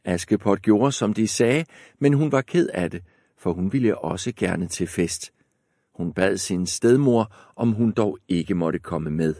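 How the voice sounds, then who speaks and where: A man narrating a fairy tale aloud in a calm, measured storytelling manner. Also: fairly low pitch, dry recording, studio quality.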